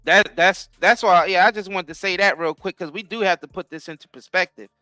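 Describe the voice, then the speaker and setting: A high, bright-voiced man with who talks earnestly and a little preachily while co-hosting a casual talk show. His tone is smooth and clear. The sound is dry and close, with faint music underneath. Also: fairly quick, no echo. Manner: earnest, preachy, frequent affirmations like "facts". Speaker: podcast co-host.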